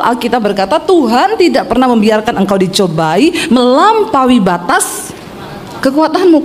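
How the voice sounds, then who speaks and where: A middle-aged woman pastor preaching a sermon. She swings between loud exhortation and hushed asides and puts questions to the congregation. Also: high voice. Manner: addresses the congregation directly with call-and-response questions. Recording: faint music behind.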